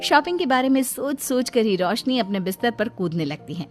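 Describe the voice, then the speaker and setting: Expressive woman narrating a story. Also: on the high side, fairly quick, over music.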